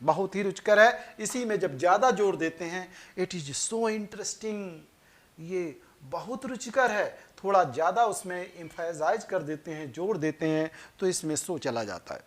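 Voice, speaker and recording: A man teaching English grammar in Hindi, explaining slowly, repeating his points and reading example sentences with care. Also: sits high, lively intonation. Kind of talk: classroom grammar lesson in Hindi.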